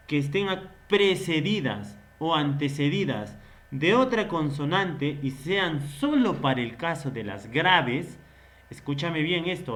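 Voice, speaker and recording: Slow man teaching grammar. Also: a little high, fairly bright tone. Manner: asks and answers his own questions; slow, stretched-out explaining. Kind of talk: classroom grammar lesson.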